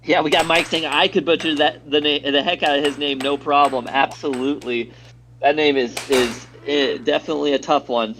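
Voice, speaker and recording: A man's voice: fairly high pitch, steady tone, moderate pace, noisy background. An American man doing live play-by-play commentary on a stream, reading viewer chat aloud between plays in an upbeat way.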